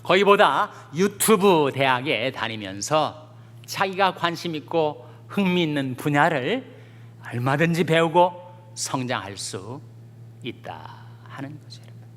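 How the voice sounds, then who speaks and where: Bright-voiced man preaching in echoing church. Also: fairly high pitch, expressive, a little slow. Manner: folksy storytelling with jokes, rising to fervent scripture reading. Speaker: pastor. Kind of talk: sermon. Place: church sanctuary. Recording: long church reverb.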